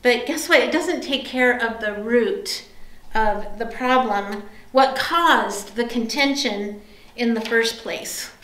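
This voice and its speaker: A woman's voice: fairly high pitch, takes it slowly, bright, forceful tone, reverberant, low-quality recording. A woman pastor giving a sermon, telling a story in a conversational way with fillers and asides to the listeners. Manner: conversational storytelling with many fillers and tag questions.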